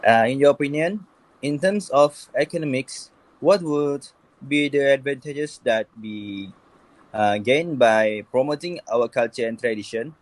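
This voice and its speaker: A young Malaysian-accented man asks interview questions at a slow pace. He hesitates often, filling gaps with "uh" as he searches for words. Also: medium pitch, no room sound, poor audio. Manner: hesitant, many fillers. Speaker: student interviewer. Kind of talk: casual student interview.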